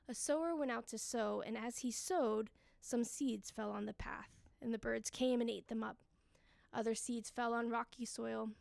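A higher-voiced woman reads scripture and liturgy as a worship leader. Her delivery is measured, set out phrase by phrase, with a noticeable creak in the voice. The sound is close and dry. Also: a little mellow, no room sound. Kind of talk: reading scripture and leading liturgical prayer.

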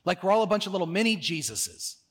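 A high-pitched male pastor delivering a sermon in a church, his voice ringing through a long hall reverb. He preaches earnestly, dropping to soft, slow phrases and then rising to loud, pressing emphasis. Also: big pitch swings.

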